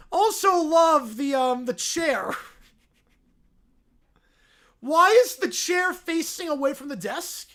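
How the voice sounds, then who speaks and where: A woman giving casual livestream reaction commentary, excitable and mocking, often gleefully repeating phrases. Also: high voice. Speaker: livestream host reacting to videos.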